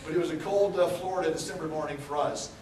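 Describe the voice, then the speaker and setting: Speaking quickly at a fairly high pitch, a Texan aquarium chief gives a lighthearted, casual talk and keeps asking the crowd questions. He's in a large indoor room with an audience, recorded by a far-off mic in an echoey hall.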